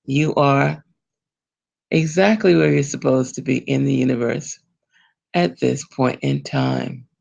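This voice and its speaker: A woman reverend hosting a spiritual broadcast, talking in a gentle, smiling, meditative way. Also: very deep voice, fairly even intonation, takes it slowly, vocal fry, husky, lo-fi sound. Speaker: reverend and host of a spiritual program. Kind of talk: slow spiritual broadcast talk.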